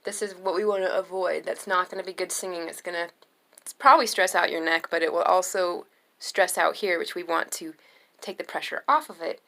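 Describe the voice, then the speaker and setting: A young adult woman giving a singing lesson, explaining slowly and calmly between sung demonstration notes. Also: lowish voice, vocal fry. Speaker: singing teacher.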